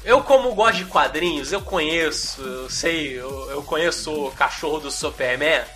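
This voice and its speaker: A Brazilian man co-hosting a podcast, chatting casually in an animated, rambling way. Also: a little high, moderate pace, faint music behind. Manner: animated, rambling, fillers of "cara". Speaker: podcast host. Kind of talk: casual chat.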